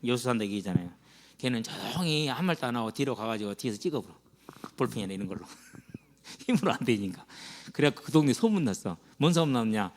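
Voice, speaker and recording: A man's voice: mid-range voice, animated, fairly quick, big-room sound. A man, a pastor preaching to students in a colloquial storytelling way, full of acted quotes and slang. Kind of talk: sermon to students. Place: church sanctuary.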